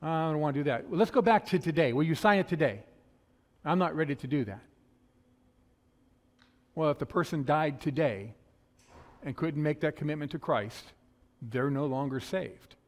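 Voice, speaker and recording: A fast-talking male pastor from the northern United States delivers a conversational sermon. His voice sits a little high, with a slight lisp on s sounds. A long reverb trails each phrase, as in a large church. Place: church sanctuary.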